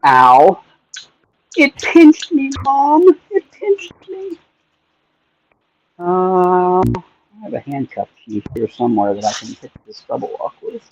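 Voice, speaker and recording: A livestream host with a high-pitched voice jokes and chats to himself while picking locks. He talks slowly with big swings in pitch and frequent pauses. The low-quality recording carries a slight hiss or hum.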